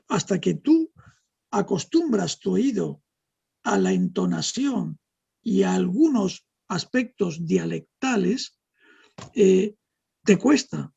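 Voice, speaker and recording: A middle-aged man from Argentina with an Argentine accent softened by years in Spain, explaining things in a measured way and often adding tag questions as an interview guest. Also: high-pitched, creaky, breathy edge. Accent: Argentine, softened by decades in Spain. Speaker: guest neurologist. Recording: dull, muffled audio.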